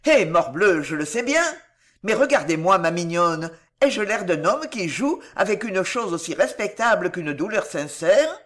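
A reader voicing a hearty, swaggering chevalier. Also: male voice, high-pitched, lively intonation, measured pace, a bit bright. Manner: hearty, swearing playful oaths. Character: bold, jovial male swordsman chevalier. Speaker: storybook character. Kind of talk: dramatic audiobook reading.

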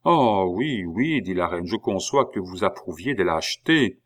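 A man voicing a proud, bitter queen in an audiobook reading, snapping sharp, indignant retorts. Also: low-pitched, animated, unhurried. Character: Queen Marie-Antoinette, proud, bitter, quick to anger.

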